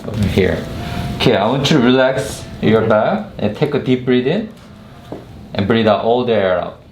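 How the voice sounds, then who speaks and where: A man's voice: lowish voice, normal speed, darkish tone. A man working as a chiropractor, guiding a patient through treatment with short, simple, reassuring instructions. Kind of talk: casual hands-on instruction to a patient. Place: indoor treatment room. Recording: echoey room with clear background noise.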